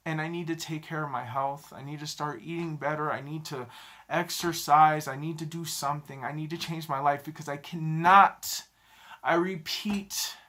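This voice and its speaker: A man in his thirties talking to a camera in a halting, self-critical confessional vlog, often repeating himself. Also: fairly high pitch, bright, forceful tone. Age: 30s. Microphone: camera mic, talking to a camera.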